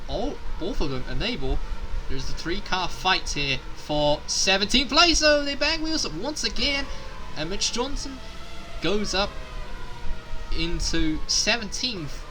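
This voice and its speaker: A man with a slightly high voice works as a motorsport commentator, calling a race live. He speaks in a halting way, repeating and correcting himself mid-sentence. Clear noise of racing vehicles runs behind his voice. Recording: noisy, with vehicle sounds behind.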